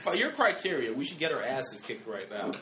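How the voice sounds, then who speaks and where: A man's voice: mid-range voice, big pitch swings, a little fast, a crowd in the background. A young man co-hosting a casual podcast chat, brash and crude with blunt opinions. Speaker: podcast co-host.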